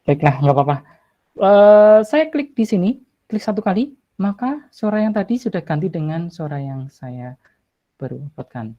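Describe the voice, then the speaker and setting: A man's voice: high-pitched, big pitch swings, moderate pace, warm tone, dull audio. A man presents an online tutorial in a chatty, apologetic way, thinking aloud as he clicks through the screen. He speaks from home in the evening. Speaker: teacher-training presenter.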